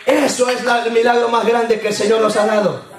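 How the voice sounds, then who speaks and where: A man preaching a sermon in a church, impassioned and repetitive, his voice rising into shouts. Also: very high-pitched, level tone, fairly quick, over a noisy crowd, heavy background noise. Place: church hall. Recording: echoey hall from far off.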